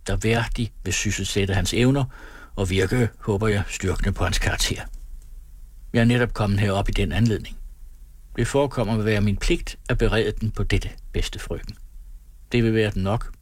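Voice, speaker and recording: A man reading the part of a gruff but well-meaning older gentleman in a storybook, speaking earnestly and persuasively. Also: fairly low pitch, dry recording.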